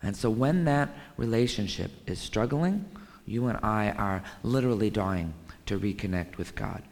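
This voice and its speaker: Male pastor, low gravelly voice, casual sermon delivery, church hall reverb. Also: normal speed. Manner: conversational preaching with fillers and restarts.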